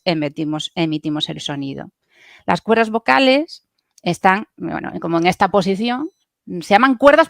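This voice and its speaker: A woman's voice: mid-range voice, creaky, no room sound, studio quality. A woman speech therapist, patiently explaining how the voice works and demonstrating sounds as a podcast guest.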